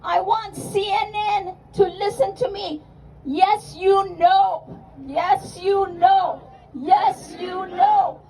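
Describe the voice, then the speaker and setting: Female rally orator, very high voice, slow emphatic delivery with insistent repetition, recorded at some distance outdoors. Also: steady tone, warm tone, a little hiss or hum. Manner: emphatic, repetitive, rhetorical questions. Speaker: activist speaker at a political rally. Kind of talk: impassioned rallying speech with call and response. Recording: outdoor rally, distant mic, crowd behind.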